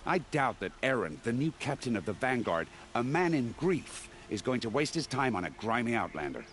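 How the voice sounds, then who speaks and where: An actor playing a haughty, officious city gate guard in a video game, pompous and scornful. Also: male voice, mid-range voice, very animated, moderate pace, fairly bright tone, a little hiss or hum.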